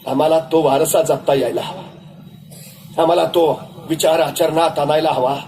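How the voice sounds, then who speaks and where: A man's voice: on the high side, fairly even intonation, normal speed, dark tone, a little hiss or hum, low-quality recording. A man giving a dramatic, rousing storytelling speech as a motivational speaker.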